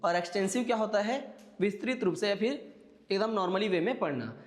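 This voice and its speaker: In a large hall, a man with a high-pitched, brisk voice teaches an exam-prep class. He works through the material step by step and checks in with his listeners, in the style of a classroom lecture.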